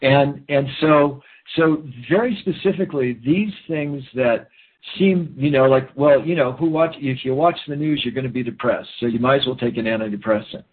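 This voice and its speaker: Man, husky voice, tinny phone line, earnest, rambling, restarts sentences. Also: mid-range voice, moderate pace. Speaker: guest. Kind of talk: conversational interview talk.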